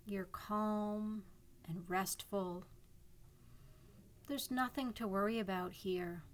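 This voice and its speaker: A woman narrating a guided imagery meditation in a calm, soothing way, leaving long pauses between gentle instructions. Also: medium pitch. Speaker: psychotherapist guiding a meditation.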